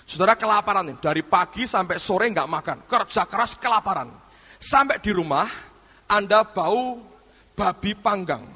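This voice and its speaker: A male pastor preaches in a very high, bright voice that swoops up and down. He throws in sudden shouts and drops into hushed asides as he acts out little scenes. A long hall reverb trails every phrase. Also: lively intonation, moderate pace, husky. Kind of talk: sermon.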